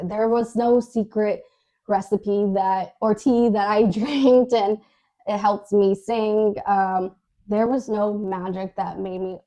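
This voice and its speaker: Here a podcast co-host, a woman with a warm, mid-range voice, shares her story in a loose, halting way. She uses plenty of fillers and restarts, and little laughs keep breaking into her speech.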